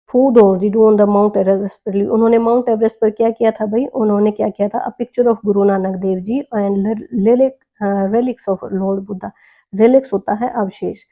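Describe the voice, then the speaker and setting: A woman tutor working through an exam paper, reading each English question slowly, then asking and answering her own questions step by step. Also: medium pitch, narrow, tinny audio. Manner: reads English questions slowly, explains in Hindi. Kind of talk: exam paper walkthrough lesson.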